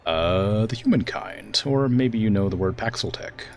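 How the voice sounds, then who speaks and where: Low-voiced man with swooping intonation, gaming. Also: animated, normal speed, soft background music. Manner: rambling, thinking aloud. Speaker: game streamer. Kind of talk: casual gameplay commentary.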